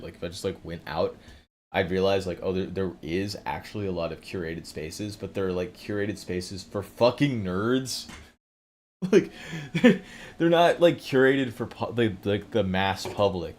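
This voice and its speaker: A man hosting a casual livestream, rambling from topic to topic, swearing often and laughing a lot. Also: lowish voice. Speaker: livestream host.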